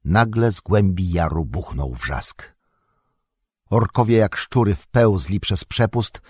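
A man narrating a fantasy novel in a measured, dramatic reading. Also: lowish voice, darkish tone, slightly rough, no room sound, studio quality. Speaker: audiobook narrator.

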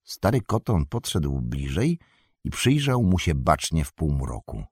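A man narrating an audiobook in a measured, expressive reading. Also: rumbling low, breathy edge, dry recording, studio quality. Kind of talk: scripted narration.

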